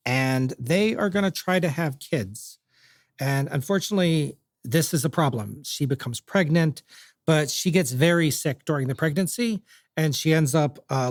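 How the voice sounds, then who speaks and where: Man, podcast host, casual jokey history talk, slightly high voice, dry close sound. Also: a little mellow, dry recording. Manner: chatty, jokey storytelling.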